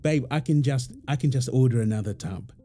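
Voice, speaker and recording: In an affectionate home-life ASMR roleplay, a male performer voices a teasing young husband and loving dad, trading chuckling, playful banter. He speaks briskly at medium pitch with a warm tone.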